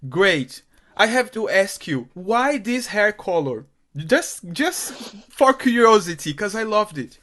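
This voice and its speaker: A man's voice: sits high, very animated, takes it slowly, fairly bright tone. A man from Brazil, hosting a casual interview over a video call, eager and chatty, sometimes cutting in. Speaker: interviewer host.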